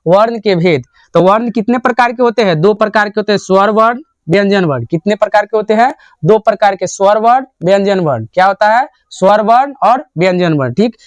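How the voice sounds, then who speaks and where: A man's voice: high-pitched, lively intonation, normal speed, no room sound. Male teacher drilling answers. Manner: asks a question, then answers and repeats it. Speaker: Hindi grammar teacher. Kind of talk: classroom lecture.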